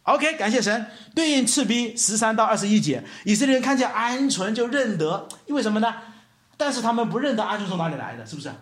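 A man preaching a sermon as pastor, animated, firing rhetorical questions at the congregation and mimicking murmuring sounds. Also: high voice, fast, reverberant.

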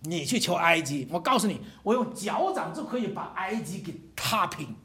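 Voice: medium pitch, expressive, normal speed, fairly bright tone. A preacher voicing a boastful ancient king. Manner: arrogant, boasting.

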